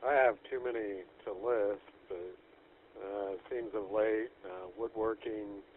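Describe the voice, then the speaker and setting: A man's voice: on the low side, steady tone, unhurried. A man speaking as an amateur radio operator checking in, over a crackly two-way radio transmission. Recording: narrow crackly radio link, faint noise and hum.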